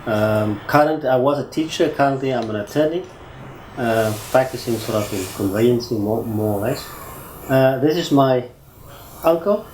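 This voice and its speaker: The audio is poor, with slight background noise, as a South African attorney in his fifties gives a casual oral-history interview. His voice is medium-pitched and somewhat dark at a moderate pace, and he rambles conversationally with many fillers like "sort of."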